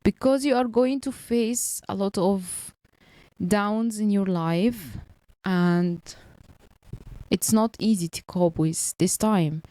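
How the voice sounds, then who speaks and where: A motivational vlogger in her early thirties, whose first language isn't English, gives an earnest talk in English and repeats her points. Her medium-pitched, mellow voice moves slowly, with no room sound at all.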